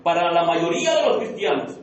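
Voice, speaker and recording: A man's voice: on the high side, sing-song, fairly quick. A man preaching a fervent sermon as pastor, firing off repeated rhetorical questions and calling his listeners beloved brothers. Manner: addresses the congregation as beloved brother. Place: church sanctuary. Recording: echoey room from far off, dull and lo-fi.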